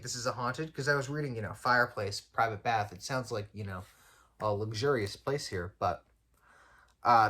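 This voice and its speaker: A man's voice: on the low side, fairly bright tone. A young man hosting a podcast at home, reading aloud and drifting into rambling, self-interrupting chat with frequent chuckles. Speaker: podcast host.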